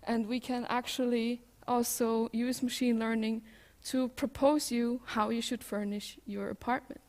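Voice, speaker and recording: A woman's voice: fairly high pitch, level tone, measured pace, darkish tone. A woman from Switzerland with a Swiss German accent, giving an informal tech talk as a conference speaker.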